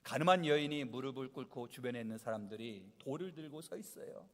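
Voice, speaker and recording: Animated preaching man. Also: mid-range voice, a little fast. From Chungcheong, South Korea. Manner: animated preaching with rhetorical questions. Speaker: pastor. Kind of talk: Sunday sermon. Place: church sanctuary. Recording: long church hall reverb.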